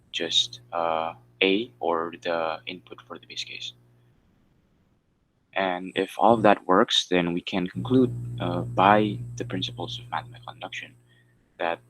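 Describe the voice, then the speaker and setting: A man's voice: low-pitched, fairly bright tone, a little hiss or hum, rough recording. A man giving a class presentation over a video call, explaining step by step with frequent fillers. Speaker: student presenter.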